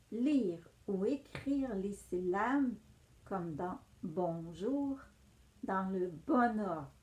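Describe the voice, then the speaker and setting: A woman's voice: medium pitch, a little mellow. A woman teacher giving a patient, encouraging reading lesson to young children.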